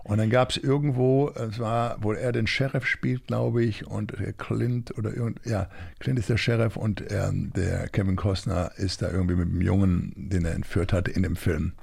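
A man's voice: on the low side, steady tone, normal speed, creaky, a little mellow, breathy edge. A man co-hosting a podcast, telling rambling anecdotes with many restarts in a casual chat. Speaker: podcast co-host, actor.

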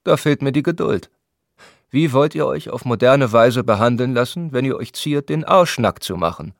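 A man voicing a brusque, impatient spa doctor who talks down to his patient in a gruff, scolding way. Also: mid-range voice, very animated, moderate pace, no echo, clean studio sound, voice pushed up.

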